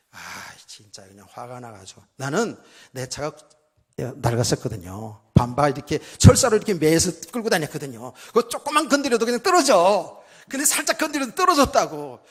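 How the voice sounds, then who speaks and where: A middle-aged man preaching in a church, his voice a little high for a man and swinging widely in pitch. He preaches in a talky way, slipping into the voices of people he quotes. His words ring out with a long reverb from the hall. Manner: animated and conversational, acting out quoted voices. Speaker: pastor. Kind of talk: sermon. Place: church sanctuary.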